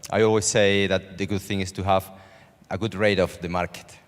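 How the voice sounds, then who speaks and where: A man from Spain, a panelist answering in halting English with many fillers and tag "okay?". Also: deep voice, level tone. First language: Spanish. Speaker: panelist, company CEO. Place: large conference hall. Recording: conference hall reverb.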